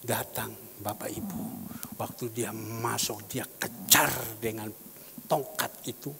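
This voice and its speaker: Gravelly man preaching in an echoing hall. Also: fairly low pitch, takes it slowly. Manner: animated, swings between hushed whispers and loud exclamations. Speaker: pastor. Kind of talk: storytelling sermon. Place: church hall. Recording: reverberant church hall, faint background noise.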